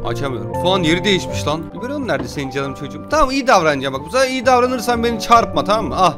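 A young man streams a game, his voice high and lively as it leaps between shouting and mumbling. He swears at the game constantly, with game music running clearly underneath. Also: very fast. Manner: jumpy, yells and swears at the game, then mutters. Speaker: gaming YouTuber. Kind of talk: excited gameplay commentary.

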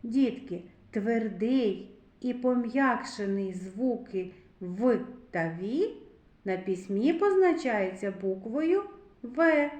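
A woman teaching a literacy lesson to preschool children in a slow, clear, sing-song teacher's voice. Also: mid-range voice, a little mellow, reverberant.

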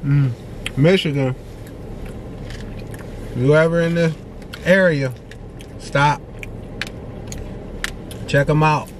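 A man's voice: fairly high pitch, very slow, long pauses, slight background noise. A man co-hosting a food vlog, chatting casually and easygoing about the food and the spot. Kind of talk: casual food review chat.

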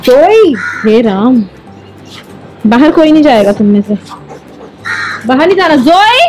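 A woman's voice: sits high, very animated, unhurried, mellow, soft background music. A woman hosting a casual vlog, playfully cooing and baby-talking to her dogs. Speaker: vlog host. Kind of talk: casual vlog talk to camera and pets.

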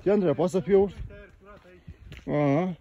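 A man's voice: high voice, muffled recording. A man vlogging casually while hiking outdoors, joking playfully with his companions and a little out of breath. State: slightly out of breath. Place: outdoors on a canyon trail.

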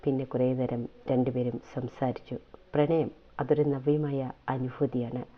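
A storyteller reads an episode of a serialized romance aloud and closes it with a promise of more tomorrow. The delivery turns slow and measured on the reflective passages. The recording sounds thin, like a phone line. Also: medium pitch, flat delivery.

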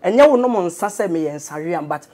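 A Ghanaian man in his thirties with a Ghanaian accent, a radio presenter chatting as an interview guest in a jokey, animated way. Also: a little high, moderate pace. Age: 30s. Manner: jokey, animated, laughing often. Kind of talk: casual interview chat.

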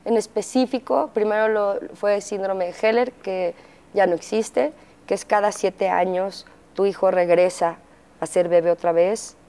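A middle-aged woman with a Mexican accent telling her story as an interview guest, pausing often with fillers and acting out quotes. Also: mid-range voice, steady tone, mellow, smooth. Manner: halting, frequent fillers, acts out quotes. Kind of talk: candid interview testimony.

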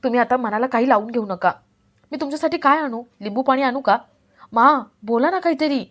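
A caring young wife, coaxing one moment and reproachful the next, as a woman narrator puts her on. The voice rides fairly high. It stays close to the reader's own voice. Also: expressive, fairly quick, a bit bright.

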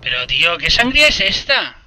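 Guy doing casual game commentary, swears a lot, really bright voice, pitch all over. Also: sing-song, brisk, no echo. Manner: swearing, joking, reacting aloud. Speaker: gameplay commentator. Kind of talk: casual let's-play commentary.

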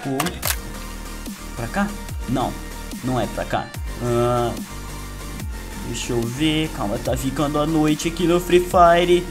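A man's voice: medium pitch, slow, pauses often. A man with a Brazilian Portuguese accent giving playful, boastful gameplay commentary to his viewers. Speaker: gaming youtuber. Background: loud game music and gunfire.

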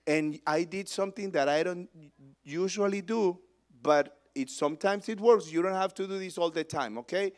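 A male pastor preaching a sermon, swinging between loud proclamation and hushed storytelling. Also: high voice, normal speed.

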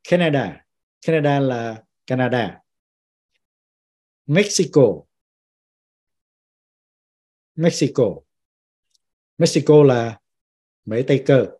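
Slow, soft-spoken man teaching vocabulary. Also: medium pitch, lively intonation. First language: Vietnamese. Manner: repeats each English word slowly, then explains it. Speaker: pastor teaching citizenship class. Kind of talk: vocabulary lesson, teacher repeating words.

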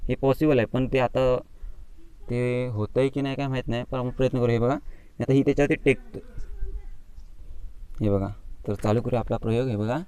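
A man's voice: medium pitch, fairly quick, long pauses, clear, resonant tone, no room sound, rough recording. Chatty Konkan man filming on a phone. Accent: Konkani Marathi. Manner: chatty, excitable, mild swearing at the scorpion. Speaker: vlogger. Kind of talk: casual outdoor demonstration vlog. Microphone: phone camera.

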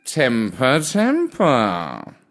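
A narrator voicing a fat old aristocratic cat who speaks slowly and pompously, with condescension. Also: medium pitch, wildly swooping pitch, background noise, exaggerated voice. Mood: smug.

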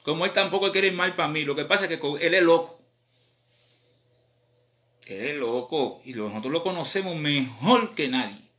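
A man with a Cuban accent, a rapper chatting casually on a live stream in animated, slang-filled talk. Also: fairly high pitch, normal speed, pauses often. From Cuba.

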